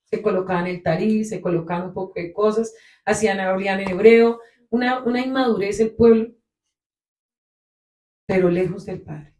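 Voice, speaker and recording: A woman preaching a sermon to her congregation. She talks with emphasis, swelling and dropping her loudness to stress her points. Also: medium pitch, steady tone, normal speed, pauses often. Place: congregation meeting room. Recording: echoey room.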